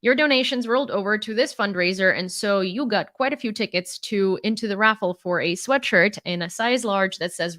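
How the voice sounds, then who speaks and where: A young Ukrainian woman with an American accent hosts a live stream, reading out news in a chatty way full of fillers and frequent laughter. Her voice is medium-pitched and fairly bright, with no echo.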